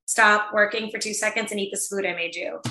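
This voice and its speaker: Woman, interview guest, laid-back and chatty, bright tone, roomy video-call sound. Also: medium pitch, fairly even intonation, a little fast. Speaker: guest, event planner. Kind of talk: casual interview chat. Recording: echoey room.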